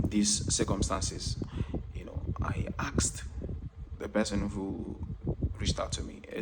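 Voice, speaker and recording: A young man, speaking earnestly and reflectively as a content creator, often saying "you know" and "and all of that". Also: lowish voice. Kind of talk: direct-to-camera monologue. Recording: loud background noise.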